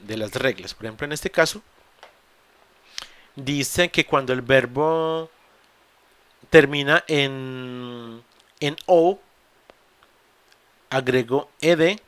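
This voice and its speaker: A man's voice: mid-range voice, takes it slowly, pauses often, fairly bright tone, smooth, no room sound. Patient Spanish-speaking male English teacher. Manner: patient, explains step by step with many fillers and restarts. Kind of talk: online class explanation. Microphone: computer mic in a video call.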